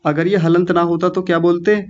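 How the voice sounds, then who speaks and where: A man teaching Sanskrit recitation in an online class, patiently drilling each syllable slowly and repeating words. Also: sits high, level tone. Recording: dull lo-fi online class audio.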